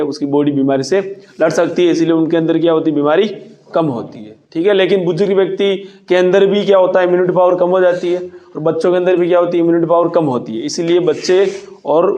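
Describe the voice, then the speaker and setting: A man's voice: fairly high pitch, fast, dark tone, lo-fi sound. Man teaching a class, quizzing students. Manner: repeats and quizzes students with questions. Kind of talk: classroom lecture dictating notes.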